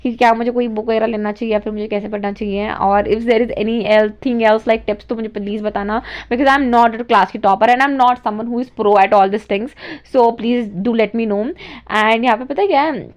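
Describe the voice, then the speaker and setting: A woman's voice: on the high side, fairly even intonation, measured pace, dull audio. A teenage girl with an Indian accent chatting casually in a study vlog, mixing Hindi and English and mocking herself. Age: teens. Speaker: student vlogger.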